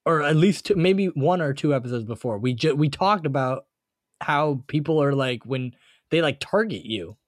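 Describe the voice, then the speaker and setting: A man's voice: on the high side, animated, normal speed, no echo, clean studio sound. A man co-hosting a podcast in casual chat, talking in a slangy, rambling way. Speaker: podcast co-host.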